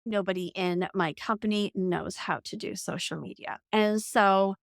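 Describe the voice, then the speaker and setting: A woman in her forties speaks as a guest on an interview, telling her story in an earnest, reflective way. Her voice sits at a middle pitch, and "like" keeps slipping into her sentences. The recording is dry and close, with no room echo. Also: normal speed, creaky. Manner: earnest, reflective, frequent "like" fillers. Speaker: podcast guest, coach. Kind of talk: conversational storytelling.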